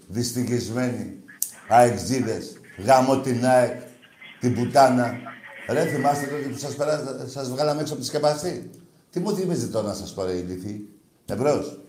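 A male call-in show host with a middling voice who talks fans down with crude, taunting banter. He flares into loud, shouted bursts between stretches of gruff muttering. The studio sound is roomy and echoing. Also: mid-range voice, slight background noise. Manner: brash, crude and mocking, with sudden shouting bursts. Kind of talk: rowdy sports call-in banter. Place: radio studio.

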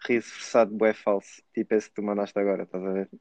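A young man with a European Portuguese accent bantering casually as a podcast co-host, in slangy, animated storytelling. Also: lowish voice, quick pace, no room sound. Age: young adult. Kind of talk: casual banter between friends. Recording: slightly dull, dry close sound.

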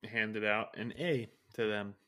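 A man's voice: lowish voice, takes it slowly, sharp tone. A man co-hosting a casual sports chat, talking loosely with lots of restarts and filler words. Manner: loose and chatty, frequent "like" and trailing restarts. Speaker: co-host.

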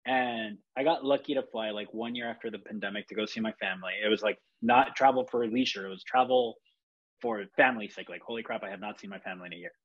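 A man's voice: lowish voice, fast talker, a bit bright, dull audio. A man from Chile, a photographer, talking in a rambling, reflective way with many fillers and restarts. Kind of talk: casual podcast chat.

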